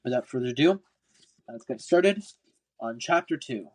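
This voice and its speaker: Reading a book aloud as a podcast host, a man with a blocked nose moves at a moderate pace in a medium-pitched, darkish, expressive voice. Every so often he stumbles on a word and rereads the line.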